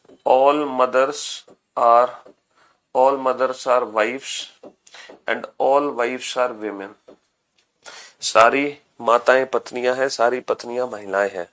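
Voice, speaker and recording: Explaining his material step by step, a male teacher with a mid-range, fairly bright voice lectures his class. He goes over each point more than once, slips in English phrases, and frequently addresses his students as "beta."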